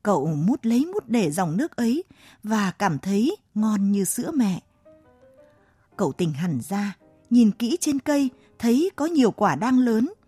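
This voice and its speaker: A woman narrating a children's story in a gentle, dramatic way. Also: mid-range voice, very animated, unhurried, husky, no echo. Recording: dry close mic, faint music behind.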